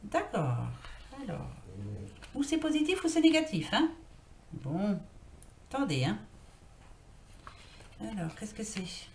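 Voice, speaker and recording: A woman's voice: mid-range voice, big pitch swings, slow pace, long pauses, a little mellow. A woman casually talking through a tarot card reading, rambling and thinking aloud with lots of fillers. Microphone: built-in computer mic. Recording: echoey room, faint noise.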